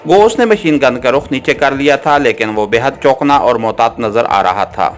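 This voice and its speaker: A man reading a thriller novel aloud as an audiobook narrator, in a steady, even manner. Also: mid-range voice, normal speed. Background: soft background music.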